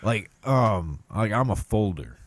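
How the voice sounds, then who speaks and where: Young male podcaster, expressive and playful, recorded dry and close. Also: fairly low pitch, a little slow, dry recording. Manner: laughing, playful banter. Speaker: podcast co-host. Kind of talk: casual chat.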